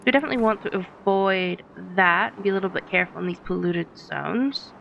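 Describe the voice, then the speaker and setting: Let's play host, woman, mid-pitched, casual and chatty, thinking aloud and laughing at puns. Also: a little fast, creaky, highs cut off, slight background noise. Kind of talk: casual gameplay commentary.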